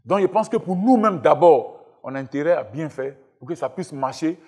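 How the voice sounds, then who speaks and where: Male, 35, from Burkina Faso, TV studio guest with a husky, slightly high voice, emphatic and repetitive. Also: animated, moderate pace, a little mellow. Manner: emphatic, insistent, repeats himself. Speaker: guest footballer. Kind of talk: talk show guest interview. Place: television studio with live audience.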